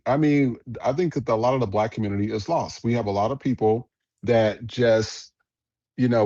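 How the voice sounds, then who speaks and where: A man's voice: lowish voice, darkish tone, no room sound, lo-fi sound. A man hosting a podcast, giving blunt, profane, rambling commentary on viral clips. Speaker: podcast host.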